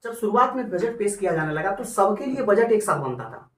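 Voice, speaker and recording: A male teacher lectures a class, repeating his questions while the students chant the answers back. His high-pitched voice swings widely in pitch at a brisk pace, recorded from far off in a roomy classroom with students' voices in the background.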